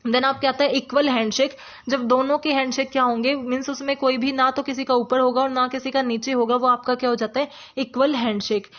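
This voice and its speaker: High-voiced woman teaching in a flat tone. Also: a little fast. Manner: asks rhetorical questions and answers them herself; mixes in English terms. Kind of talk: explanatory lecture. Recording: dull lo-fi recording.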